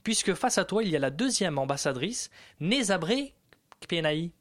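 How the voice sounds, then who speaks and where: A man's voice: sits high, big pitch swings, normal speed, dry recording, studio quality. A man hosting a French radio talk show, friendly, guiding his guests and reading scripted travel narration.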